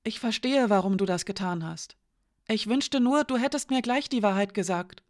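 A woman's voice: medium pitch, moderate pace, a little mellow, pitched above the performer's own voice, natural voice. A woman reading an audiobook, voicing a young woman full of guilt who pleads through tears. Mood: tearful. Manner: pleading, emotional.

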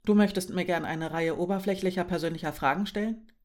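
Woman reading as calm, literal-minded young man. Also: fairly low pitch, fast, close to an everyday voice. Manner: plain, matter-of-fact.

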